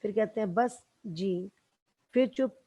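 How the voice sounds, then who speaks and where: A woman's voice: mid-range voice, slow, mellow, slightly rough, no room sound, lo-fi sound. A woman teacher reading a story lesson aloud to schoolchildren and explaining each line in simple words.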